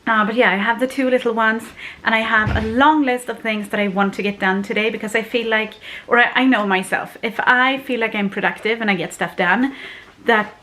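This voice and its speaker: Indoors at the family home, a thirtysomething vlogger from Sweden, Swedish her first language, talks casually to a handheld camera at arm's length and laughs frequently between words. Her voice sits on the high side and is a little fast, bright, and forceful, with a little hiss or hum.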